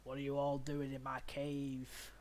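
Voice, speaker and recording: A man voicing a boastful male manticore in a tabletop game, drawing his words out slowly in a taunting growl. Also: mid-range voice, monotone, darkish tone, natural voice.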